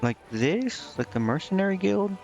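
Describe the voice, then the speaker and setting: This streamer's high voice is very animated, gravelly and a little mellow, moving at a moderate pace on a lo-fi recording. He's playing a strategy role-playing game live, puzzling through it in a loose, mumbled stream of commentary as game music plays.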